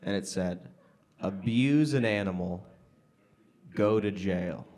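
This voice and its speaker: An American man doing stand-up comedy with crowd work, talking conversationally to a club audience with pauses and emphatic punchlines. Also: sits low, a little mellow. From Las Vegas, United States. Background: audience laughter.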